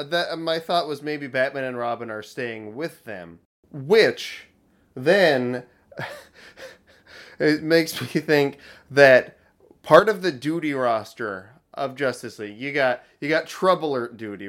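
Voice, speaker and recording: A man co-hosting a podcast, talking in a wry, analytical, deadpan way in casual chat about a cartoon episode. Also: medium pitch, a little slow. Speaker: podcast co-host.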